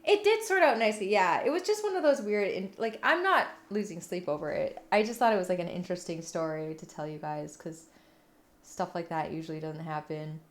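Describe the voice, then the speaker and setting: A woman livestreamer chatting casually with viewers in a playful, cutesy, giggly and animated way. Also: on the low side, brisk. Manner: animated, expressive delivery. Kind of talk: casual live chat. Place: room at home.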